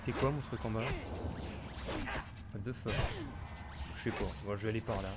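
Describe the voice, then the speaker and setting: A man's voice: lowish voice, steady tone, moderate pace, heavy background noise. A man giving casual let's-play commentary, muttering to himself and grumbling in puzzlement as he plays. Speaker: gamer streamer.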